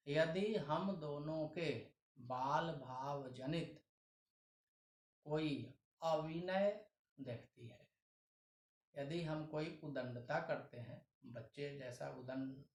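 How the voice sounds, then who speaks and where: A man with a Hindi accent teaches a Sanskrit lesson at a slow, careful pace. He reads each line, then goes over it in plain words. His fairly high voice sounds a little echoey, as if he is in a bare room.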